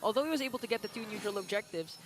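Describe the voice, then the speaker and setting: Excitable high-voiced male esports caster. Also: a little hiss or hum. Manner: excited, fast bursts calling plays. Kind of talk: live esports commentary.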